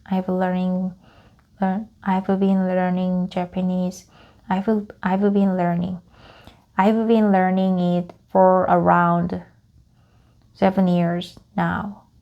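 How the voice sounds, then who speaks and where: A Korean woman learning English reads a practice script aloud slowly in a gravelly, lowish voice with a darkish tone. She halts, repeats phrases and corrects herself, and the audio sounds dull.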